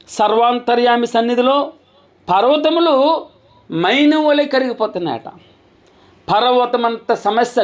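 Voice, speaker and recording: A man preaches a sermon in a very high voice. He hammers his points home by repeating key phrases and speaks straight to his listeners. The recording sounds dull and lo-fi.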